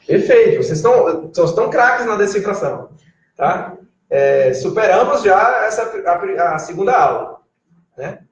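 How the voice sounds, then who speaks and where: Male language teacher, high voice, classroom lesson, patient prompting, heard from afar. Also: expressive, normal speed. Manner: patient, prompting students to read aloud. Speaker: Greek teacher. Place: classroom with a whiteboard. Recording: echoey, distant, muffled classroom recording.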